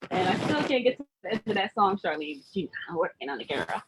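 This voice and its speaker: A woman with a lowish, sing-song voice talks quickly, hosting a vision board party as a casual spiritual chat. She grew up in Germany as an American military child, speaks in an affirming way, and repeats phrases for emphasis. A noisy hiss runs under the recording.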